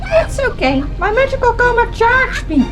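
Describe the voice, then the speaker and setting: A woman's voice: very high voice, very animated, normal speed, over music. A woman playing a plucky, flippant magical fox heroine in a playful, theatrical hobby film performance. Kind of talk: hobby convention film acting.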